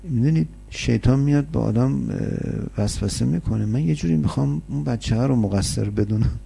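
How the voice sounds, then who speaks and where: A man's voice: mid-range voice, vocal fry, dark tone, husky. A man giving a conversational sermon, explaining with everyday examples and rhetorical questions. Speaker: religious lecturer.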